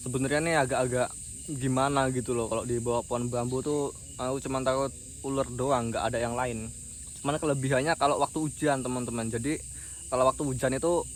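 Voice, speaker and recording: Man vlogging amid night insect noise. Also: medium pitch. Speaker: host of a camping horror channel. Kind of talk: casual vlog chat to viewers. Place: outdoors at a night campsite under bamboo. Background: crickets and insects.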